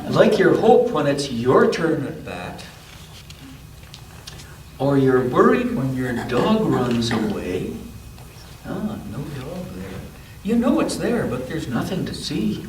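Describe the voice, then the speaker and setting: Reading a picture book aloud to kids in a spacious church, this man speaks in a mid-range, very animated voice. He stops now and then for asides and questions about the illustrations. The mic sits far off, picking up room echo and background noise.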